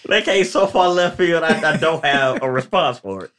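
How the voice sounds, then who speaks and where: A man with a fairly high voice talks in a relaxed group conversation. He presses his case with emphasis, often cutting in to hold the floor. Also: normal speed. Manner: emphatic, interrupts to argue points. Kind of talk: casual debate chat.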